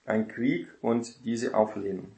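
A man teaching a Bible study in a casual lecture style, often adding a quick tag question to check that listeners follow. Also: fairly low pitch, creaky, warm tone, roomy sound.

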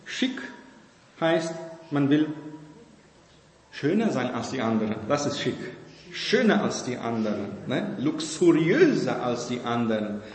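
A man's voice: fairly high pitch, darkish tone. Man preaching in an echoey hall. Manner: conversational preaching with frequent "ne?" tags. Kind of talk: sermon. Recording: echoey hall with long reverb.

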